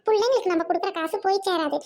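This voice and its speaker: A woman's voice: very high-pitched, very fast, a little mellow. A woman in her thirties with a Tamil accent, whining and pleading in a comic skit. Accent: Tamil Nadu Tamil. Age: 30s. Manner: whiny, pleading, sobs and laughs in turns. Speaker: comedy skit actress.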